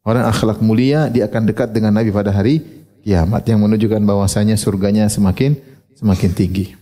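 A man giving a humorous, animated sermon, acting out short quotes. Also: on the low side, brisk. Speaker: Islamic preacher.

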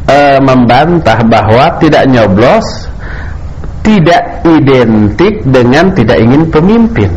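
A man speaks like a preacher giving a religious lesson. His mid-pitched voice explains point by point, leaning on rhetorical questions and repetition. There is some noise behind him in the recording. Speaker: Islamic preacher answering questions. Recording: clearly noisy background, room ambience.

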